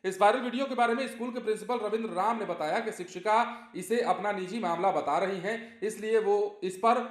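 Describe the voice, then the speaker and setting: A man's voice: sits high, a little fast. A man presenting a news report with commentary, emphatic and repeating phrases for effect. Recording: roomy echo.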